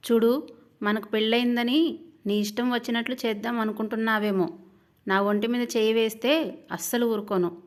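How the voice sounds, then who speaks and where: A woman's voice: a little high, steady tone, moderate pace, lightly acted. A woman voicing a nervous but defiant young bride who speaks tensely and earnestly.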